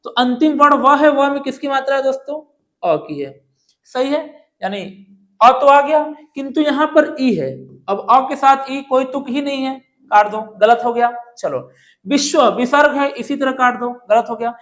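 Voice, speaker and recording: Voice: high voice, moderate pace, fairly bright tone. Tutor for an online exam-prep class who talks through each answer patiently and keeps checking that students follow. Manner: explains step by step, often checking in with "ठीक है" and "दोस्तों"; asks questions then answers them. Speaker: Hindi grammar teacher. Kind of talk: exam-prep lesson walking through multiple-choice questions.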